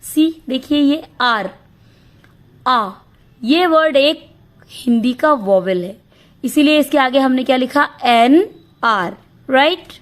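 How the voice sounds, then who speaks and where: A woman teaching an English grammar lesson. She asks questions and answers them herself, and reads English rules slowly, word by word. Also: high-pitched.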